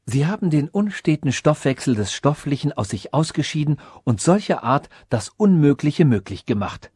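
A man narrating a fairy-tale radio story in a measured, formal manner. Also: on the high side, big pitch swings, a little mellow, husky, dry recording, studio quality.

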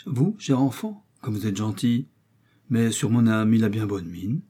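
Man reading as kindly old squire, mellow, slightly husky, audiobook. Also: on the low side, expressive, unhurried. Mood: doting. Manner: warm, doting. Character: fond old English country gentleman.

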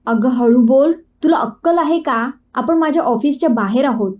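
A cocky, scornful young man trades barbs in a storybook tale, put on by a woman narrator. The voice sits high and mellow, with a taunting, mocking edge. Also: moderate pace, lightly acted.

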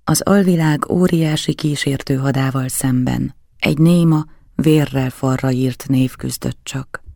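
A man narrating a literary audiobook in a measured, dramatic storytelling manner. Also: mid-range voice, steady tone, creaky, a little mellow, no echo, clean studio sound.

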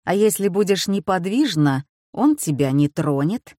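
A man's voice: animated, a little slow, a little mellow, no echo, studio quality. A woman reading a storybook, voicing a frightened husband who urgently tells his wife not to move. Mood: tense hushed. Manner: urgent, low insistent warnings. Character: frightened husband facing a crocodile, trying to stay calm.

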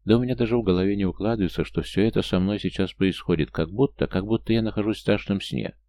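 A man's voice: on the low side, fast talker, dark tone, voice pushed up, close to an everyday voice. A man doing a despairing young mother. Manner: anxious, pleading, tearful. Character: desperate young single mother, tearful and frightened.

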